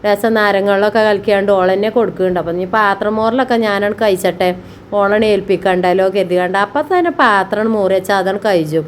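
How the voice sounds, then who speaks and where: A woman's voice: mid-range voice, quick pace, a little hiss or hum. Chatty homey woman vlogger. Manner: affectionate, calls viewers "children", frequent tag particles. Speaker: family vlogger. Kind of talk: homey chatty voice-over about housework.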